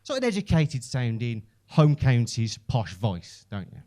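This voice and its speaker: In an unhurried, sing-song delivery and a dark, medium-pitched voice, a Birmingham-born stand-up comedian with a Brummie accent tells self-deprecating, foul-mouthed stories in a conversational style.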